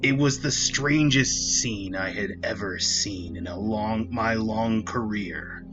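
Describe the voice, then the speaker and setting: Gruff, weary male detective, put on by a man; low and unhurried, hard-boiled, slightly muffled over faint game music. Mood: gruff, brooding.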